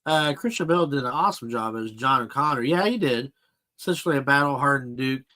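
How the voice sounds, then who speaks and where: A man's voice: medium pitch, fast, sharp tone. A man hosting a casual live chat about toys and films, answering viewers' comments as he goes. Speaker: toy collector channel host.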